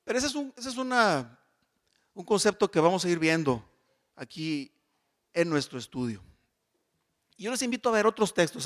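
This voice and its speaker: A man with a notably high voice leads a Bible study class. He explains passages patiently and keeps checking that his listeners follow along. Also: fairly bright tone.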